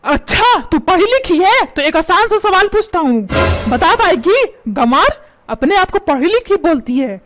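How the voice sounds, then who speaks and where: Cartoon dad, quick-tempered and nagging, voiced by a woman in a very high, bouncy register over loud music. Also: sing-song, heavily acted. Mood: scolding. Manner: scolding, repeats insults. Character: scolding middle-aged father, short-tempered. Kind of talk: Hindi cartoon voice acting.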